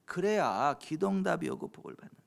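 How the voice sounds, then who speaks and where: A middle-aged Korean man preaching a sermon as pastor, addressing the congregation with questions, chuckling at his own stories, and swinging from quiet asides to loud exhortations. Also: a little high, huge pitch swings, fairly quick, gravelly. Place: church sanctuary at a late-night service.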